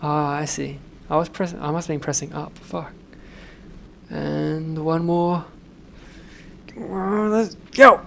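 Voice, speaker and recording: A man narrates his gameplay in an unhurried drawl with a rough, gravelly texture. He swears through nearly every line and bursts out whenever something catches him off guard. A steady noisy hiss sits under the whole recording. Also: a little high. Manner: swears constantly, jumpy outbursts at sudden deaths. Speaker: let's play gamer. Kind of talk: gameplay commentary.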